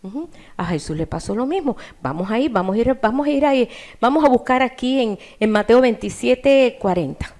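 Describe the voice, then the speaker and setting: A woman's voice: fairly high pitch, expressive, brisk, a little mellow. A woman preacher delivering an impassioned sermon, often addressing her listeners directly as brother.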